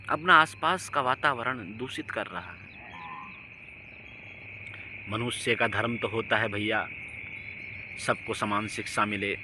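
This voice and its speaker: A man giving an impassioned, preachy monologue, his voice swinging from emphatic outbursts down to low, quiet lines. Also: background noise. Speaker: religious speaker.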